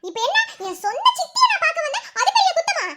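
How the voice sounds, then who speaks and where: A woman's voice: extremely high pitch, big pitch swings, fast, sharp tone, full character voice. A woman with a Madurai Tamil accent voicing a cheeky, defiant teenage schoolgirl who talks back to her mother. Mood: protesting. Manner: talking back, whiny, sassy. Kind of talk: animated cartoon dialogue.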